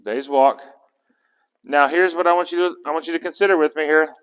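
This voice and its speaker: In a hall with lingering echo, a man teaches scripture interactively, talking casually, asking his group questions and restarting words. His voice is slightly high, with a steady, clean tone, and he speaks fairly quickly.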